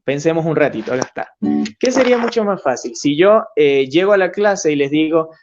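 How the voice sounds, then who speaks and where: Man teacher, enthusiastic webinar talk, higher voice, dull lo-fi sound. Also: animated, fairly quick. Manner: enthusiastic, repeats key ideas, sings examples with guitar. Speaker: teacher and music educator.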